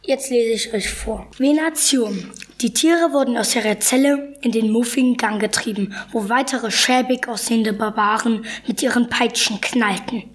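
A woman's voice: a little high, moderate pace. A teenage schoolgirl reading a children's adventure story aloud, careful and earnest.

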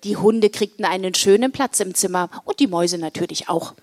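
A woman reading a children's story aloud, with an expressive, varied storytelling delivery. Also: mid-range voice, fairly quick. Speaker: story reader.

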